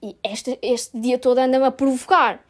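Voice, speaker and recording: A woman's voice: high voice, fairly even intonation, moderate pace, background noise. A young woman with a European Portuguese accent hosting a casual podcast, venting her frustration with swearing and sarcasm. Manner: exasperated, swears a lot, sarcastic. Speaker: podcast host.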